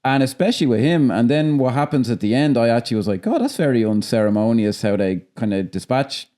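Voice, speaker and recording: A man with a Dublin Irish accent co-hosting a film podcast, talking in a halting, colloquial, conversational way. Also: medium pitch, lively intonation, warm tone. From Ireland. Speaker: podcast co-host. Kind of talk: casual film discussion.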